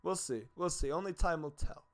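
A man's voice: a little high, brisk. A young man hosting a casual group chat, asking teasing questions and joking around. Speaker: podcast host.

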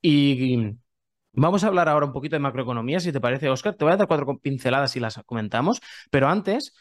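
A man co-hosting a casual podcast, chatting loosely and pitching the show with self-aware humor. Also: animated, fast. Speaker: podcast co-host.

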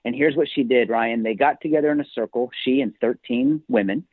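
A male author telling stories with a motivational speaker's emphasis, his voice at a middle pitch. He sounds thin and phone-like, dry with no room around it. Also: a little fast, no echo. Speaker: author and podcast guest. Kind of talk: podcast interview. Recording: tinny phone-like line.

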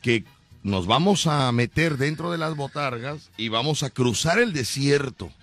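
A man's voice: medium pitch, measured pace, faint music behind. A man hosting a comic radio show with a Mexican accent, joking and laughing as he teases. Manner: joking, laughing, animated teasing. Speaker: radio comedy host.

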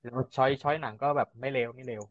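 A man co-hosting a casual film podcast, relaxed, often giving short backchannel replies. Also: mid-range voice, quick pace, no room sound. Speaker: podcast co-host. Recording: dull lo-fi recording.

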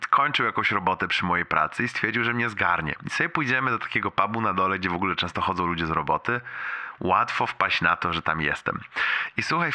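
Man leaving a voicemail while hurting: low, sharp-edged voice, wincing, swearing, rambling. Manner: rambling, swearing, laughing through pain. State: in pain, wincing between phrases.

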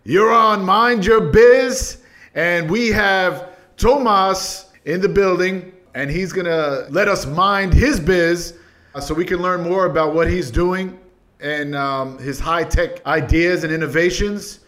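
A man's voice: high-pitched, a little slow, a bit bright. A man hosting a show, introducing and questioning a guest in a casual, conversational style. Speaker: interview show host.

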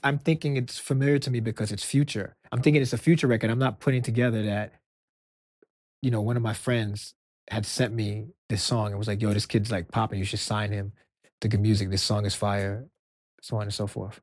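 A soft-spoken man from Brooklyn, a music executive guest, telling stories in an interview and acting out the dialogue. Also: lowish voice, a little fast, no echo, studio quality. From Brooklyn, New York. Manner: animated storyteller acting out quoted dialogue. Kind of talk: storytelling interview answers.

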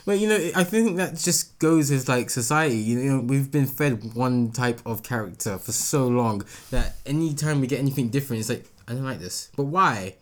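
A man's voice: mid-range voice, moderate pace, hardly any pauses. A man hosting a casual gaming podcast, joking and laughing a lot. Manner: animated, laughs often, teasing. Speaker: podcast host. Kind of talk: casual chat.

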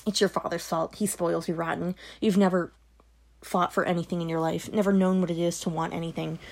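A woman voicing a cold, controlling middle-aged mother in an audiobook, her words sharp and brittle. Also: fairly low pitch, flat delivery, a little fast, creaky. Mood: venomous. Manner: sharp, brittle, dropping to a hiss. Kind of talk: audiobook character voice.

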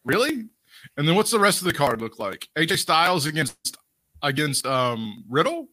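A man's voice: a little high, normal speed. A man co-hosting a podcast, chatting casually about wrestling with frequent laughs and swearing. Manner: animated, swearing, laughing often. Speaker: podcast co-host.

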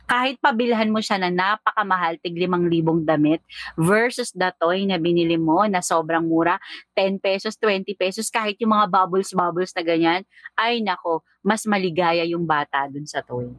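Woman, casual chat, animated storytelling, Taglish, dry close sound. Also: fairly low pitch, moderate pace, no room sound. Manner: lively storytelling, mixing Tagalog and English.

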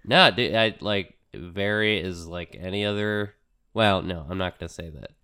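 A man co-hosting a casual podcast while sick, with a congested, stuffy nose and a croaky, froggy voice. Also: sits low, moderate pace, sharp tone. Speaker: podcast co-host.

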